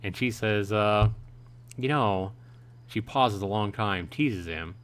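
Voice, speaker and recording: A low-voiced man with a fairly bright tone narrates a game stream at a slow pace. As streamer and host of a live play-through, he reads a visual novel's dialogue aloud, then paraphrases it and reacts with casual commentary.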